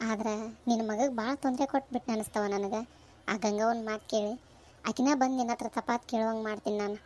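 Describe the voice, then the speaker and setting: A woman's voice: a little high, fairly even intonation, fast, a little mellow, lightly acted. A woman voicing an earnest, grateful village woman with a North Karnataka accent, speaking with heartfelt emphasis in a cartoon. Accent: North Karnataka Kannada. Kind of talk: cartoon voice acting.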